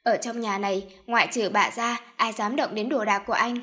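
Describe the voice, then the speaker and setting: A woman narrating an audiobook in a steady storytelling manner. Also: fairly high pitch, normal speed. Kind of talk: scripted narration.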